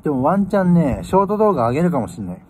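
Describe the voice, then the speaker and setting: A man's voice: fairly high pitch, sing-song, rapid-fire, dark tone, breathy edge, low-quality recording. A man in his twenties from northern Japan, chatting casually to camera outdoors while chewing his food. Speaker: vlogger. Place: outdoors by a building in winter. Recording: outdoor ambient noise, phone microphone.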